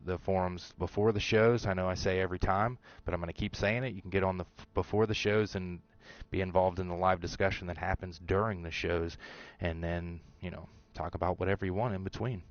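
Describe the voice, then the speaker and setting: A man's voice: low-pitched, no echo, dull audio. A man hosting a show, casually talking through his theories about a TV episode, rambling with fillers and restarts. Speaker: show host.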